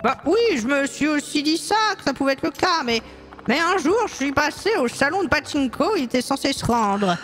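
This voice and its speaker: A woman putting on a fretful older woman who runs a café, high-pitched and swooping through her lines. She hesitates and fusses over her husband as she speaks in this game fan dub, with soft music faintly behind. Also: lively intonation, normal speed. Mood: anxious. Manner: hesitant, fussy, many sighing fillers.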